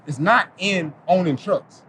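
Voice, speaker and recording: A man's voice: high voice, background noise. A man, a trucking business owner, talking casually and streetwise as a podcast guest, often restarting his words. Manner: fast, streetwise, repeats words as he talks. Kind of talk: casual interview talk.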